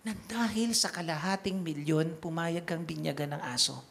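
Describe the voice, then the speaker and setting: A man's voice: a little high, moderate pace, gravelly, fairly bright tone. A middle-aged male priest and songwriter preaching at a concert recollection, telling a story earnestly with self-deprecating humor.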